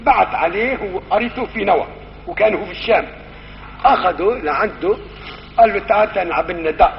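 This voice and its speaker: A man's voice: high-pitched, fairly quick, gravelly, a little hiss or hum. A man with a Syrian Arabic accent teaching a religious lesson, telling stories and acting out the dialogue in shifting voices. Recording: muffled old recording in a reverberant hall.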